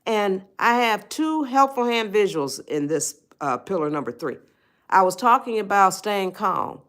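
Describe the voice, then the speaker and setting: A woman's voice: mid-range voice, big pitch swings, unhurried, a bit bright. A woman author giving a live-stream talk on parenting, emphatic and repetitive and often checking in with her viewers. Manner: speaks directly to viewers as a group.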